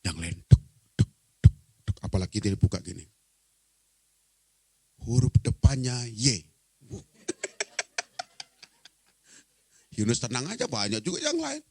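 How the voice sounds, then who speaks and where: A man preaching a lively, comic sermon, acting out the story's dialogue in changing voices. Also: lowish voice, slow pace, long pauses, breathy edge. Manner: animated, acts out dialogue with shifting voices. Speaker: pastor.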